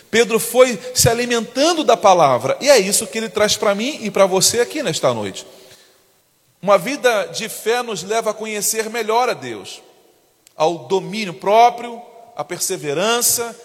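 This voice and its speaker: A man with a Brazilian accent preaching a sermon as pastor, impassioned, acting out quoted voices and rising into shouts. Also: high-pitched. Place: church. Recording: long church hall reverb.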